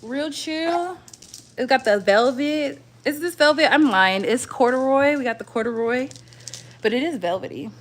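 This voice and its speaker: Her voice is high, with lively intonation and a moderate pace. A young livestream host from Arizona and Las Vegas, she chats casually at home, rambling on in slang-filled, informal talk.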